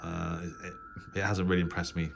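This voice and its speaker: In a clearly noisy home recording, a middle-aged English man shows off his shortwave radio setup in a small spare bedroom, hosting his channel casually and without a script. His voice is low and flat, a little fast, and he hesitates and rambles throughout.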